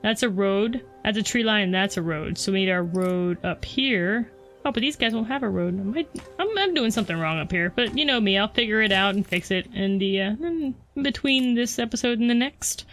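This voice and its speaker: A woman's voice: mid-range voice, expressive, a little fast, fairly bright tone. A woman hosting a let's play, chatting casually to her viewers and teasing herself about her mistakes. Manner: chatty, self-deprecating, talks to viewers. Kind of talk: casual gameplay commentary.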